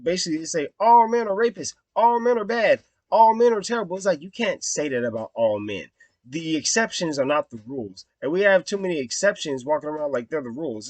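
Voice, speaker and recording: A man's voice: a little high, dry recording. A young man hosting his own vlog, talking through a film review in a blunt, profane, rambling way with lots of fillers. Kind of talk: casual rambling commentary.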